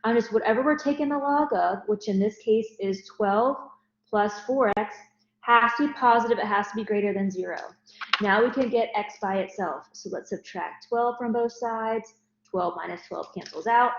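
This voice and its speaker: A woman's voice: medium pitch, normal speed. A woman walks through a math problem one step at a time, talking as she works. The sound is roomy and slightly dull, like a lo-fi lecture recording in an echoey space. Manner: step-by-step, explanatory. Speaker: math teacher.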